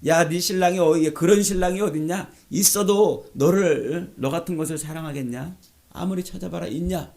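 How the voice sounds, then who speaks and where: A man's voice: fairly high pitch, moderate pace, gravelly, darkish tone. A man voicing scornful worldly women who taunt a bride, with a sneering, taunting manner. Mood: mocking.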